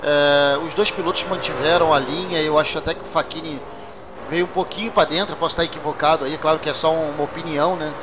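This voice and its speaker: High-voiced Brazilian motorsport commentator, a man. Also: steady tone, fast. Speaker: motorsport commentator, lead race caller. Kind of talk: live race commentary. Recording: noisy, car engine noise behind.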